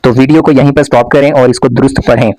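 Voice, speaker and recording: A man's voice: mid-range voice, steady tone, quick pace, a little mellow, dry recording, rough recording. Patient man teaching recitation rules. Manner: patient, explanatory, addresses viewer directly. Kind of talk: short tutorial lesson.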